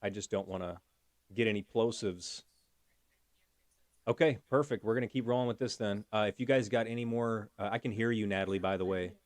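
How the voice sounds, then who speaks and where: A man's voice: on the low side, brisk, no echo. A man hosting a casual livestream, chatty, thanking viewers by name and talking through fixing his audio. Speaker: livestream host.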